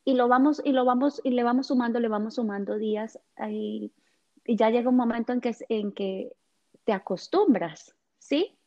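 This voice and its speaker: Woman guest talking slow and gentle, lots of ums, gravelly voice, kinda dull lo-fi sound. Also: a little high. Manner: gentle, hesitant, many fillers. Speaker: guest on chakras and essential oils. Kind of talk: casual explanatory talk.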